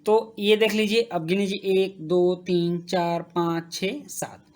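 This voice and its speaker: Slow, patient woman teaching grammar. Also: medium pitch, flat delivery, darkish tone. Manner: slow, repeats terms while writing, checks in with "ठीक". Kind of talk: blackboard grammar lesson.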